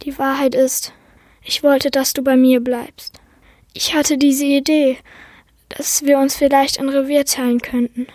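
A woman's voice: sits high, flat delivery, unhurried, darkish tone, no room sound, clean studio sound. A woman voicing an injured male tomcat in a faint, melodic whisper, as whispered role-play. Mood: confessing.

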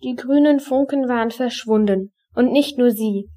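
A woman reading a children's novel aloud in calm, even storytelling. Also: a little high, normal speed. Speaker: reader.

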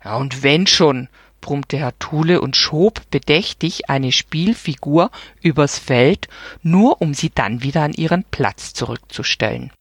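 A woman narrating a children's story in a calm, even way. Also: deep voice, a little slow, breathy edge, dry recording, clean studio sound. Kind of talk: audiobook reading of a children's story.

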